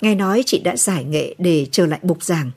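A woman's voice: on the low side, lively intonation, moderate pace, darkish tone, breathy edge. A woman voicing a weary middle-aged man who speaks politely and awkwardly. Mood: subdued. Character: weary middle-aged male war cameraman.

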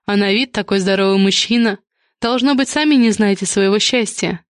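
A woman voicing a poised young woman who talks softly and persuasively at a party, in an audiobook. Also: medium pitch, moderate pace, no room sound, studio quality, lightly acted. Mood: gentle. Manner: soft, smooth and persuasive. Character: poised, gentle young woman, charming guest.

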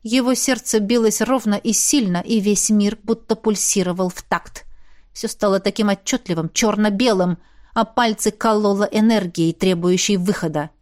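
A woman narrating a fantasy romance audiobook in a steady, expressive reading voice. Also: mid-range voice, normal speed. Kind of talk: scripted narration.

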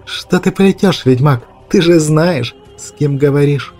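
A man voicing a cruel, scornful female bandit leader in an audiobook, with a husky, mocking, hissing delivery. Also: fairly high pitch, unhurried, darkish tone, soft background music. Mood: sneering. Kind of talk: audiobook character voice.

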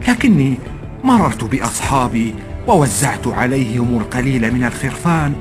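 A man's voice: medium pitch, expressive, moderate pace, voice pushed up, lightly acted. A man voicing a cheeky young farmhand who feigns innocence with sly questions. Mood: sly innocent. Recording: background music.

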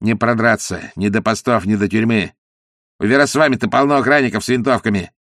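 A man's voice: on the low side, brisk, a bit bright, dry recording, clean studio sound, lightly acted. A man voicing a brash, foul-mouthed colonial timber merchant who snarls and curses. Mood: snarling. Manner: snarling, crude, cursing.

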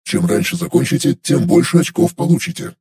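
A man's voice: sits high, steady tone, brisk, creaky, warm tone. A man narrating an audiobook and voicing an impersonal game system that announces tasks formally.

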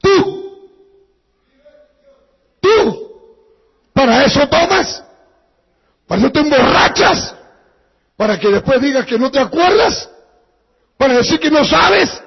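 A man voicing a distraught wife who scolds her drunk husband in high, shouted accusations. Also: sing-song, slow, gravelly, long pauses, full character voice. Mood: angry scolding. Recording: dull recording with long church reverb.

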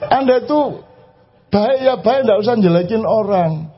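A man speaks in a fairly high, animated voice, joking his way through an informal religious talk. The recording is dull and lo-fi. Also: unhurried. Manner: animated, joking, switches into Javanese. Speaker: preacher. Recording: lo-fi live recording.

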